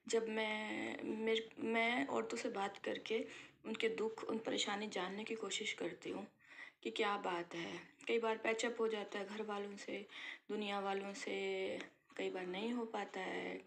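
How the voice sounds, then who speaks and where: A middle-aged woman talking to her viewers in a heartfelt, reflective way, repeating phrases for emphasis and dropping to soft near-whispers at times. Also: medium pitch, steady tone, unhurried, gravelly, slight background noise. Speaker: vlogger sharing life advice. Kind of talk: heartfelt personal talk to camera.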